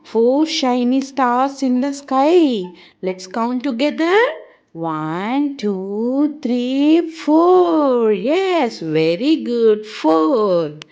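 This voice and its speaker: Slow, high-pitched woman teaching little kids. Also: very animated, dark tone, muffled recording. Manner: encouraging, simple teacher-to-toddler address with short phrases. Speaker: presenter of a children's counting lesson. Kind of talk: children's educational narration.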